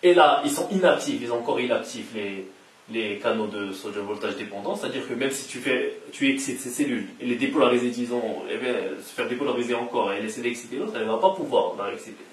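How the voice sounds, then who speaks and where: A man's voice: mid-range voice, fast talker. Give me a man giving a casual whiteboard lecture, recorded from a distance in an echoey room with faint hiss. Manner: explains step by step, repeating key terms. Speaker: science educator. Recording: roomy echo, distant mic, faint hiss.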